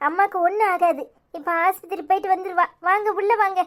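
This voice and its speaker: A woman's voice: very high-pitched, steady tone, quick pace. A woman voicing a frantic young village woman who gives urgent, tearful orders, with a Tirunelveli Tamil accent.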